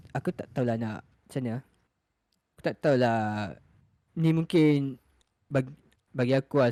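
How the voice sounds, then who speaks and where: A man's voice: medium pitch, darkish tone, no room sound, studio quality. A young man with a Malaysian accent telling personal anecdotes in casual chat, mixing colloquial Malay with Singlish-like English and slangy particles. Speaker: podcast panelist.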